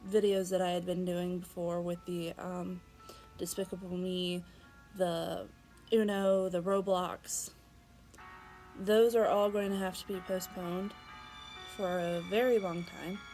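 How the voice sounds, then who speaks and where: A woman's voice: lowish voice, level tone, measured pace, a little mellow, faint music behind, low-quality recording. A young woman vlogging casually, chatty and giggly, with many fillers and restarts. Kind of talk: casual vlog storytelling.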